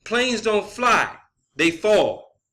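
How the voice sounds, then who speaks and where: A video creator lays out his own theories in an informal solo rant, his high voice sing-song, bright and pushed, with words drawn out. He swears freely, repeats phrases for emphasis, and keeps checking in with "okay" and "all right."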